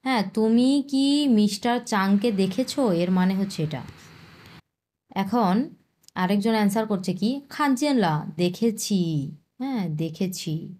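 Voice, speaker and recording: A woman teaching a Chinese lesson, patiently repeating words slowly and explaining their tones. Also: mid-range voice, mellow. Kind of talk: language lesson explaining vocabulary.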